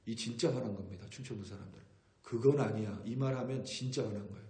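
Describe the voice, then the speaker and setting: Man, pastor, earnest sermon, mid-pitched voice, echoey church hall. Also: quick pace, a little mellow. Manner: earnest preaching, rising in force when quoting scripture. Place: church sanctuary.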